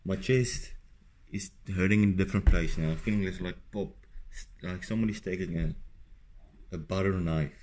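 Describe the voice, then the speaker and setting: A man's voice: deep voice, normal speed, darkish tone. A young man chatting casually to his phone camera at home and in the gym, joking, swearing and complaining. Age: young adult. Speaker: fitness vlogger. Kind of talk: casual vlog chat to camera.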